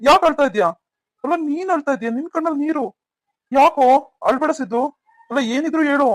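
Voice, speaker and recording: A man's voice: high-pitched, fast talker, no echo, natural voice. A man voicing a caring young elder brother who consoles and questions his sibling in a cartoon story. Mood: worried. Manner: concerned, soothing.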